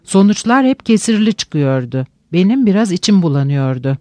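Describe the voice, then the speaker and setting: Guy reading a novel aloud, high voice, slow thoughtful pacing, dry close sound. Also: big pitch swings, dark tone, no room sound. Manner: measured, reflective reading with slow pauses. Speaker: audiobook narrator. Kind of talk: literary audiobook narration.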